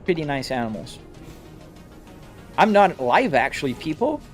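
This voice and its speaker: This live streamer from Brazil talks loosely with viewers from his home simulator setup, restarting often as he fields comments in a Brazilian Portuguese and American English accent. His voice is a little high with big pitch swings and a moderate pace, over faint music.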